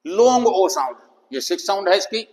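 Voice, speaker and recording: A man teaching a phonics lesson, speaking slowly and deliberately, reading English headings aloud. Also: high voice, animated, a little mellow. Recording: long echoing reverb.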